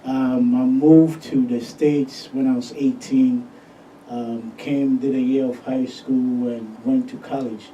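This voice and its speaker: A man from Ghana, a pharmacist guest, telling his story calmly in a podcast interview. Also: medium pitch, slow pace. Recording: distant, dull mic with faint noise.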